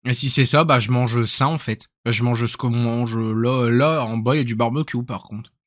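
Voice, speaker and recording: A man's voice: mid-range voice, steady tone, normal speed, no room sound, clean studio sound. A young man from northern France with a northern French accent, chatting casually and jokily on a live stream, often trailing off into mutters. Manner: rambling, jokey, trails off into mutters.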